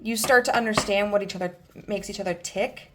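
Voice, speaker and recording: A woman's voice: medium pitch, fairly quick, noisy background. A woman in her thirties giving a casual tarot reading, chatty and loose, full of fillers and restarts. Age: 30s. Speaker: tarot reader.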